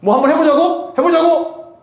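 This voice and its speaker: A preacher putting on a belligerent yelling lifeguard. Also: male voice, very high-pitched, steady tone, rapid-fire, voice pushed up. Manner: shouting, belligerent, turning rude. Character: angry male lifeguard, short and pushy. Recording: echoey church hall.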